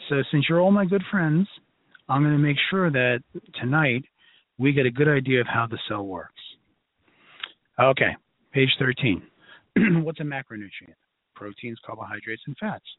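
Male lecturer, Brooklyn accent. Rough-edged voice, conversational and emphatic teaching style, dry telephone-band recording. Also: mid-range voice, moderate pace, pauses often, no echo. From Brooklyn, New York. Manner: emphatic, conversational, folksy, checks in often. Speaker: lecturer, health educator. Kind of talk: informal lecture to a class. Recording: narrow phone-like line.

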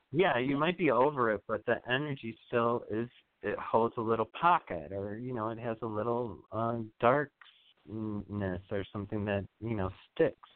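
A man hosting a radio psychic reading, guiding a caller through breathing in a soothing, halting way with many fillers. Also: mid-range voice. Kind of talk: spiritual energy reading on air. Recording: phone-like narrow sound.

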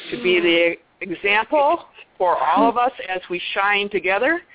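A woman's voice: medium pitch, no room sound. A woman from Wisconsin calling in to a radio show over the phone, fervently stating a spiritual intention. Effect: phoned in over a tinny phone line. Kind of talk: earnest spiritual call-in statement. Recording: tinny dry phone line.

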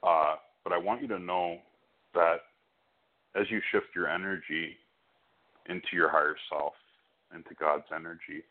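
Muffled, band-limited audio carries a man with a low voice. He gives a psychic hotline reading in a reassuring manner, often seeking the listener's agreement. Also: fairly even intonation, moderate pace, long pauses. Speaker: phone-in psychic medium.

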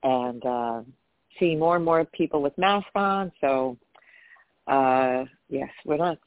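Her voice rumbles low and comes slowly, with no room sound, through a tinny phone-like dry line. She is a co-host in a laid-back radio chat, bantering with exclamations and often starting over.

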